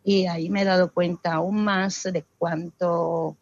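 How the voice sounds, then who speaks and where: A woman's voice: lowish voice, flat delivery, measured pace, highs cut off. A woman from Italy, answering interview questions expressively with frequent hesitations. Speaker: guest, arts festival founder.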